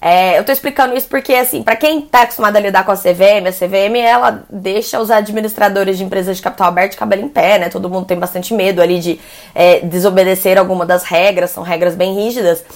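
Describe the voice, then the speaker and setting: A Brazilian woman journalist delivers energy sector commentary at a mid pitch. She talks in a loose, conversational way, often restarting phrases and adding fillers as she explains. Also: steady tone, fast. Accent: Brazilian Portuguese. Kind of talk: news commentary.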